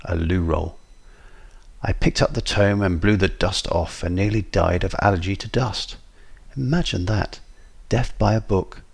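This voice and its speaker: A man reading a children's story aloud as guest narrator, in a lively, expressive way. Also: sits low, unhurried, gravelly, husky.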